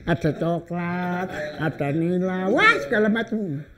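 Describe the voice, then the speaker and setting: Older man, veteran comedian, stand-up storytelling, high voice, lively swings in pitch. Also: a little slow, a crowd in the background. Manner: acts out voices in his anecdotes, laughs at own jokes.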